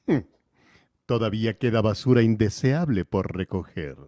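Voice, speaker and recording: A man voicing an arrogant, cold alien tyrant from a cartoon, with a haughty, menacing, measured delivery. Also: fairly low pitch, lively intonation, warm tone, slight background noise, lightly acted. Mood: disdainful. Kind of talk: cartoon villain dub parody.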